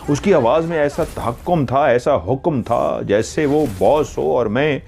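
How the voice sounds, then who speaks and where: A man narrating a spoken horror story in the first person, slowly and with suspenseful, drawn-out pauses. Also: mid-range voice, creaky, a little mellow, slight background noise.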